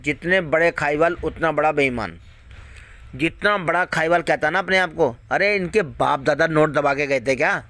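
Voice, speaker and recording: On the high side and a bit bright, this man's voice carries a heated, heavily profane rant aimed squarely at viewers. He's a video host warning them, repeating himself and launching rhetorical questions throughout the angry monologue.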